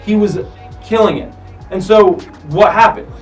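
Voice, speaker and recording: Brief: male host, high-pitched and animated, off-mic slightly, music bed behind, casual soccer commentary. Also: measured pace, recorded from a distance, poor audio. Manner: animated, profane, acts out players' lines. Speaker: host of a soccer countdown show. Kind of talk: casual commentary over match footage.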